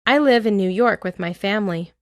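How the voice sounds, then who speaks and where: A woman reading an English lesson aloud, with clear, deliberate drill phrases and an American accent. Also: medium pitch, no room sound, clean studio sound. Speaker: English teacher. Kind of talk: slow scripted lesson reading.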